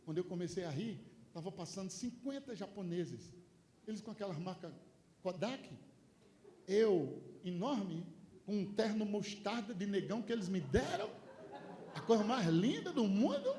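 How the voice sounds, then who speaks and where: A Brazilian man preaching, telling a personal story that breaks into shouted exhortation. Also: sits high, very animated, normal speed, slight background noise. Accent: Brazilian Portuguese. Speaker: pastor. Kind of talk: sermon with storytelling. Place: church hall. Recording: echoey church with faint ambience.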